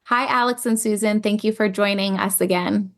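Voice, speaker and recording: A woman hosting a podcast, opening with a scripted intro and then talking in an articulate, measured way. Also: mid-range voice, steady tone. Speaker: podcast host.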